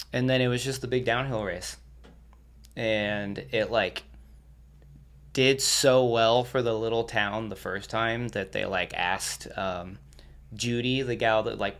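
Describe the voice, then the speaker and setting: A young man sits in as a podcast guest and tells his stories in a relaxed, rambling way. He swears freely and laughs between the stories, and his voice sits a little low. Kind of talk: casual storytelling.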